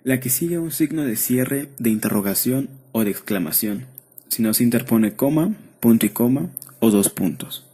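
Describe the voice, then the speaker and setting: A man with a Mexican accent reads grammar rules and lists of example words at a steady, measured pace. His voice is dark and mellow, with a husky edge. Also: medium pitch. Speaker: student presenter. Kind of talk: read-aloud lesson narration.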